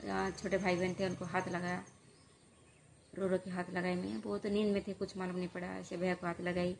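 Gravelly, flat-voiced woman telling a story. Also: lowish voice, a little hiss or hum. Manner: halting, hesitant, with many pauses and fillers. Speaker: vlogger. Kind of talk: personal confessional storytelling.

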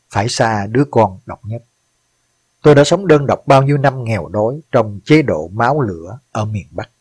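Man reading as an old widow, humble and heartfelt, low husky voice. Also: darkish tone, dry recording. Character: elderly northern woman, grateful widow.

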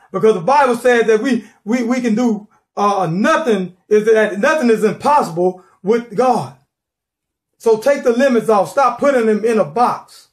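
A middle-aged man preaching a sermon from his living room, fervent and repeating words as he builds, calling for responses. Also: extremely high pitch.

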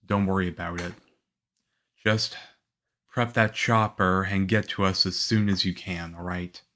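Man acting as Leon Kennedy, low, unhurried young agent. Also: steady tone, pushed and bright. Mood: businesslike. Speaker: audio roleplay voice actor. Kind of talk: ASMR roleplay acting.

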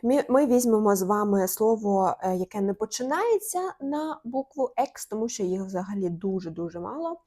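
A woman's voice: mid-range voice, lively intonation, mellow. A young woman teaching an online language lesson, repeating each letter and word and drawing out the sounds. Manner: slow, drawn-out demonstration of sounds.

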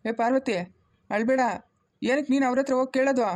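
A woman's voice: high-pitched, fairly even intonation, fast, a little mellow, natural voice. A woman voicing a grieving, stubborn older village man in a family cartoon. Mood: bitter, defiant. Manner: bitter, refusing help.

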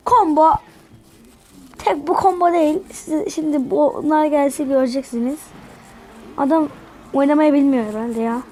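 Woman, high voice, unhurried delivery; excitable gameplay commentary with outbursts at the rival. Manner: excitable, yells at the opponent. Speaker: mobile game player.

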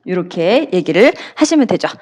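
Lively woman teaching an English lesson. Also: lowish voice. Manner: lively, acts out example situations with laughs; reads English example sentences slowly. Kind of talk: online video lesson.

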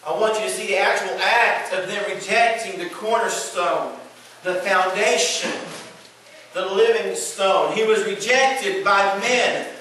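A man preaching a sermon, reading Bible verses aloud and building to shouted emphasis. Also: high voice, measured pace, heavy reverb, distant mic, a little hiss or hum, rough recording.

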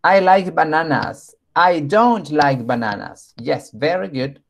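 Slow, patient male teacher. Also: on the high side, expressive, creaky, a little hiss or hum. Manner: slow, patient, praising often. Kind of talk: online class for young children.

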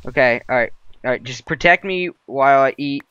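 A man's voice: medium pitch, fairly quick, fairly bright tone, clean tone, no room sound, lo-fi sound. A young man giving casual gameplay commentary in a hyped, crude gamer-bro manner. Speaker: gaming video host. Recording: background noise, clicks.

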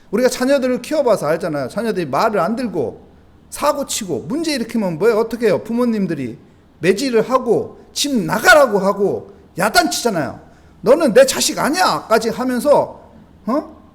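A man with a Busan accent preaches at an early-morning service. His voice sits high and swings widely in pitch. He asks the congregation questions and acts out heartfelt prayers. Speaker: pastor. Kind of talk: dawn service sermon.

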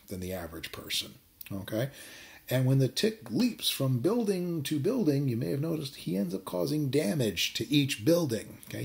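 A man teaching a high school English class, giving a chatty recorded lecture. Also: creaky. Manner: chatty, lively, acts out brief voices.

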